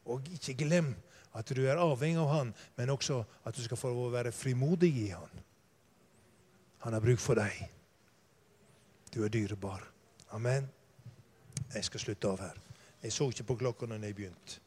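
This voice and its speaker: An older man preaching a sermon, telling stories and swinging from quiet asides to loud, fervent emphasis. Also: medium pitch, pauses often, breathy edge.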